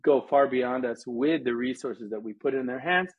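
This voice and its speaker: This American man, from Colorado, is interviewed as a missions organization guest and replies in a relaxed, anecdotal way. He talks at a moderate pace in a slightly rough, medium-pitched voice, captured on lo-fi audio.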